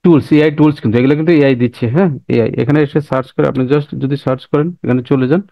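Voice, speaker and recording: Fast, gravelly male tutorial instructor. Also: on the high side, no echo, muffled recording. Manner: repetitive, checks in with listeners often. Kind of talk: screen-recorded software tutorial.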